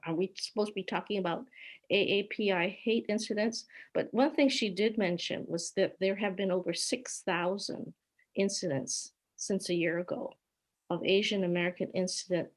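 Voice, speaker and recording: Older woman telling her life story. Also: mid-range voice. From Hawaii. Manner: unhurried, stops to sort out her screen share. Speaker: interview guest. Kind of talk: personal storytelling on a video call.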